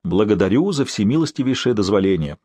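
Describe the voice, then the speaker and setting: A male narrator voicing a brisk, cheerfully scolding professor and doctor in an audiobook. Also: lowish voice, sing-song, a little mellow, slightly rough, dry recording.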